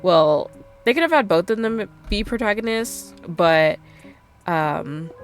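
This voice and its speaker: A young adult woman streaming a game, chatting casually and rambling with lots of fillers. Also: sits low. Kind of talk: casual chat while gaming.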